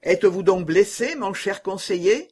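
A man's voice: high-pitched, expressive, moderate pace, darkish tone, husky, pitched above the performer's own voice. A man reading an audiobook and voicing a courtly, politic duke who is visiting a wounded man.

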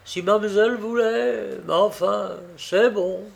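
Man voicing loyal male servant, grave, calm, slow. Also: high voice, vocal fry, voice pushed up, full character voice.

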